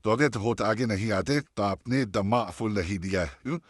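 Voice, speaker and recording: Male instructor, lowish voice, dry close recording, patient and repetitive, drawing out demo sounds. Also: no room sound. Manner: patient, repeats sounds slowly for practice. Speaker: Tajweed teacher. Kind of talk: online class instruction.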